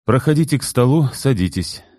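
A male audiobook reader voicing a patient, tactful man who speaks calmly and persuasively. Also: mid-range voice, brisk, dry recording, clean studio sound, pitched above the performer's own voice, lightly acted. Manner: calm, gently persuasive. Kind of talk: audiobook character voice.

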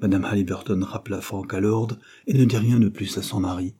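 Male audiobook reader, steady and measured, deep dark husky voice. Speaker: audiobook narrator. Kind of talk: scripted narration.

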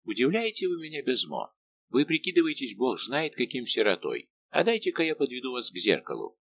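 Jovial veteran musketeer captain, teasing and persuasive, lively swooping delivery, read by a male narrator. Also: mid-range voice, a little fast, creaky, exaggerated voice. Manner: warm, bantering and persuasive.

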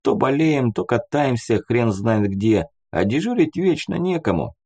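A man's voice: mid-range voice, sing-song, measured pace, darkish tone, husky, full character voice. A man voicing an easygoing young male student who jokes in casual banter. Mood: joking.

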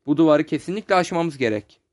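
A man's voice: a little high, animated, fast, natural voice. A man voicing a practical, brave tin woodman in a storybook reading, calling out in a raised, urgent voice. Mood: firm. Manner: urgent, firm calls.

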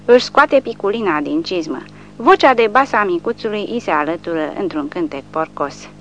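A woman narrating an audiobook of a war novel in a steady storytelling way. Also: lowish voice, faint music behind. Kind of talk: reading a war novel aloud. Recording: dull lo-fi with faint hum.

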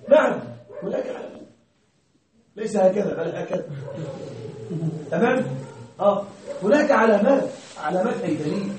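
A male grammar teacher giving a classroom lesson, questioning his students, checking that they follow and repeating key words slowly. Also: high-pitched. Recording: very echoey room, distant mic.

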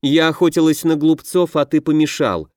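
A man's voice: a little high, fairly even intonation, normal speed, a little mellow, no room sound, studio quality, pitched above the performer's own voice, natural voice. A man voicing a cheeky, playful ancient swamp witch, speaking lightly and teasingly in a raised voice.

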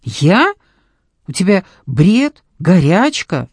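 A woman's voice: lowish voice, big pitch swings, extremely slow, a little mellow, slightly rough, no echo, heavily acted. A woman reading the lines of an anxious, insistent young fiancée who pleads in emphatic bursts. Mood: agitated.

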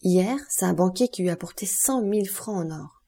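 A woman's voice: on the low side, normal speed, creaky, mellow, husky. A woman reading aloud, voicing a sly young man who talks in a boastful, confiding way.

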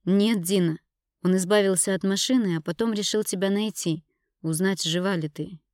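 A woman's voice: medium pitch, moderate pace, darkish tone, no room sound, studio quality, natural voice. A woman reading an audiobook, voicing a spiteful, scornful young woman who mocks and accuses her rival. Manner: mocking, accusing. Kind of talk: audiobook character voice.

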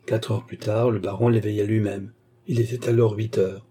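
Husky, dark-voiced male narrator. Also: on the low side, level tone, moderate pace. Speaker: audiobook narrator. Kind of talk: scripted narration of a classic novel.

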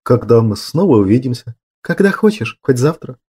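A man voicing a gentle, reflective young man in a storybook reading, speaking calmly and tenderly. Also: medium pitch, moderate pace, slightly rough.

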